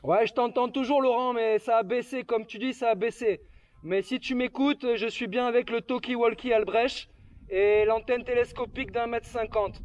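A man with a very high, slightly mellow voice works as an amateur radio operator on a hilltop outdoors, trading call signs and signal reports in a ham radio exchange. He often repeats the other operator's name and "QSL," heard through a handheld walkie-talkie as a faint, distant, lo-fi transmission.

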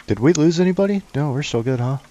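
A man's voice: a little high, animated, mellow, highs cut off, slight background noise. A man leading a squad in a shooter game, giving clipped orders in military radio style. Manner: clipped commands, brisk and matter-of-fact. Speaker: squad leader. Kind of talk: military radio procedure over game voice chat.

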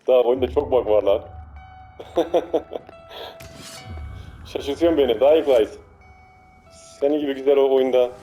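Exasperated young man gaming, mellow voice. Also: medium pitch. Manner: exasperated, swears and laughs at glitches. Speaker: gameplay streamer. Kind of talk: funny moments gameplay commentary.

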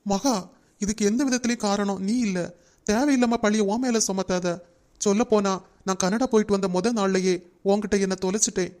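A man's voice: high-pitched, fairly even intonation, a little fast, darkish tone. A man voicing an earnest young man in love in a cartoon, speaking persuasively.

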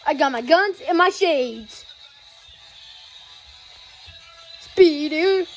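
Woman doing a high, shouty echidna plush, boastful and dramatic. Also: lively intonation, slow, soft background music. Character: excitable male echidna plush, boastful, hot-headed.

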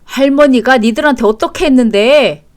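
Woman doing a bossy shouting husband. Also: fairly high pitch, sing-song, moderate pace. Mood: angry. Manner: shouting, indignant. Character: angry entitled middle-aged husband, bossy. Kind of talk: storytelling read-aloud.

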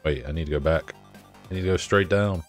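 A young man banters with his chat while streaming a game, relaxed and profane, with lots of swearing and a congested, bunged-up sound. He talks fairly quickly in a low voice, with soft music playing in the background.

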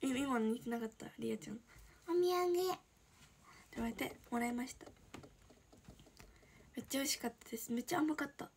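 Soft-whispering high-voiced young woman. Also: fairly even intonation, fast, pauses often, a little hiss or hum. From Shizuoka, Japan. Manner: soft-spoken, often drops into a breathy whisper. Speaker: idol livestreamer. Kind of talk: casual livestream chat reading viewer comments.

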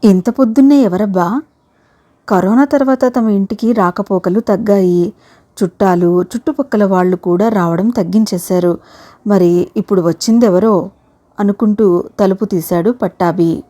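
A woman storyteller narrating a short story, with even, measured audiobook delivery. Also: medium pitch.

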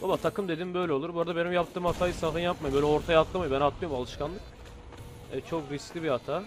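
A young man giving excitable, casual commentary on his own gameplay, muttering one moment and shouting the next. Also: on the high side, racing, noisy background. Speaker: gameplay video host.

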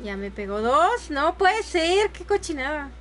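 A woman's voice: high-pitched, big pitch swings, a little slow, fairly bright tone, soft background music. A young woman commentating live gameplay, often frustrated and exclaiming to herself and her viewers. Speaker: streamer.

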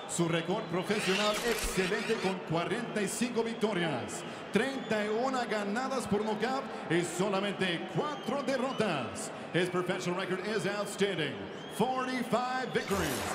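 A man ring-announcing a fight in a booming, theatrical lucha libre style, over an arena PA. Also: heavy background noise. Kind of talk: theatrical bilingual ring announcing with drawn-out name calls. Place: boxing ring in a large indoor arena. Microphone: handheld microphone over arena PA. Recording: echoey PA in loud, crowded arena.

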